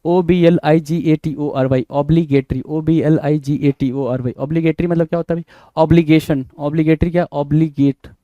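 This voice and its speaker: An Indian-accented man preparing students for an exam goes over English vocabulary, repeating words, spelling them letter by letter, and quizzing listeners repeatedly. His voice is on the high side, steady, unhurried, and dark in tone. The recording is muffled with no room sound.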